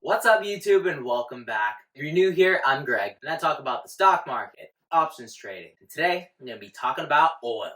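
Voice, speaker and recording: A man's voice: a little high, a little fast, hardly any pauses, reverberant, soft background music. A man with a Texan accent who hosts a stock market channel. He talks through a scripted explainer in an upbeat, joking way and hits words hard for emphasis. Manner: energetic and jokey, with bursts of loud emphasis.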